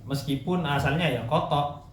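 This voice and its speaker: A male teacher explains an Arabic text in a relaxed, questioning way, reading the Arabic slowly. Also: fairly high pitch. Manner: explains casually, asks students questions, reads Arabic slowly. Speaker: ustadz teaching logic. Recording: echoey room, faint noise.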